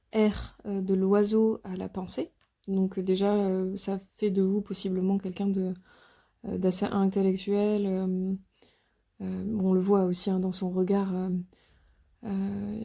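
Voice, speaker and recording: A woman giving a casual tarot reading to her viewers, speaking softly and hesitantly with many fillers and restarts. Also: mid-range voice. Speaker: tarot reader.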